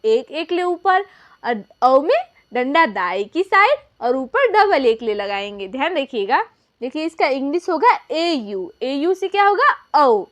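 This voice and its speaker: High-voiced woman teaching a lesson. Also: sing-song, a little slow, a bit bright. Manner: asks and answers her own questions, repeats key points. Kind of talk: classroom lesson.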